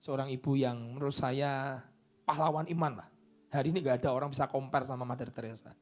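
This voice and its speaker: A man preaching a sermon into a microphone in church, swinging from loud declarations down to hushed whispers. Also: medium pitch, steady tone, brisk. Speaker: pastor.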